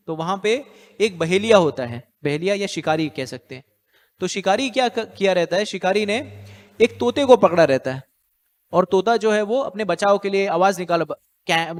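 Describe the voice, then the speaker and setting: High-voiced male preacher in a reverberant hall. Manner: storytelling, repeats lines for listeners to echo. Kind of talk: Hindi scripture lecture.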